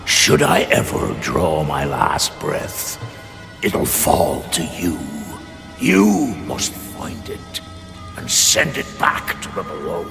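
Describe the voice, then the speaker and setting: Gravelly, haunted old-sea pirate captain. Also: male voice, extremely low pitch, wildly swooping pitch, fairly bright tone, full character voice. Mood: solemn, urgent. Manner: slow, dramatic, weighty. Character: weathered, brooding male pirate captain, solemn and haunted. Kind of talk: video game dramatic acting. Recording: long reverb with music behind.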